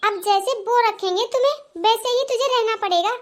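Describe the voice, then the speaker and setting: A woman's voice: extremely high pitch, brisk. A woman voicing a suspicious scolding mother. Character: nagging mother of the bride. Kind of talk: Hindi cartoon voice acting.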